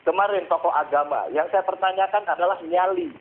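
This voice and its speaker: A male phone-in caller speaks over a thin, narrow phone line. His voice sits a touch high, and he lectures emphatically, piling up rhetorical questions. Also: fairly quick, a little hiss or hum. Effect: phone-line caller heard through a call-in line. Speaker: caller to a TV talk show. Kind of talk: impassioned call-in commentary.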